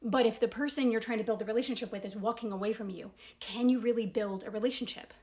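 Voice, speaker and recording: Her voice sits on the high side, a little mellow, delivered quickly and steadily, though the audio sounds dull. She's a commentator giving an informal, step-by-step analysis of a voicemail, stressing key points, asking probing rhetorical questions, and often adding "right?"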